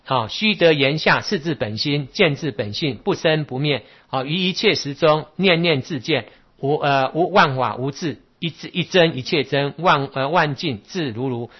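A man lecturing on Buddhist scripture, talking haltingly with many repeats and filler particles. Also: fairly high pitch, expressive, breathy edge. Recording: dull lo-fi recording.

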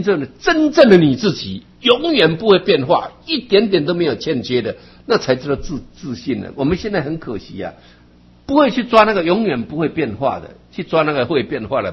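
A man delivers a Buddhist dharma talk in a very husky, breathy voice. His pitch swings widely from phrase to phrase, and he keeps checking with his listeners by asking "right?". The recording sounds dull and lo-fi. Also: huge pitch swings. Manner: keeps asking the audience "right?" and ends phrases with drawn-out particles. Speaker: Buddhist teacher.

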